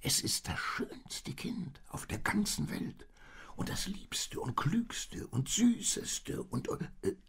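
A man voicing a boastful, proud male donkey in a storybook reading, talking high and breathy. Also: sing-song, takes it slowly, fairly bright tone, whispered, exaggerated voice. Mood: doting.

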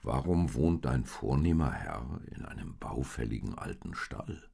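A man reading a story aloud, voicing a group of curious, slow camels in a wondering tone. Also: rumbling low, very animated, creaky, warm tone, slightly rough, voice pushed down, exaggerated voice. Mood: puzzled.

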